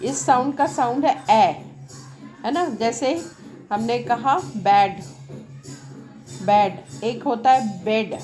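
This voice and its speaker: A woman English teacher with a somewhat high voice, speaking slowly and deliberately. She talks loudly over noise from a nearby event and keeps asking the class whether they have understood. Clear music from outside plays behind her voice throughout. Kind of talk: classroom lesson at a board, Hindi mixed with English. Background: music from a nearby program.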